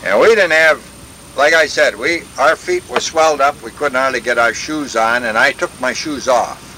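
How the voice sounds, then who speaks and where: An older veteran telling war stories in a rambling, folksy way, full of restarts and sound effects. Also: male voice, mid-range voice, moderate pace, bright, forceful tone, slight background noise, low-quality recording. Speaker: veteran interviewee. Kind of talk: oral history war reminiscence.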